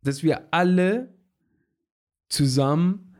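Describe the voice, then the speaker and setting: A man's voice: a little high, slow pace, darkish tone. A man who learned German as a second language, talking earnestly in a casual conversation, often restarting his sentences. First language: not German. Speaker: conversation partner, refugee. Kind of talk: casual chat.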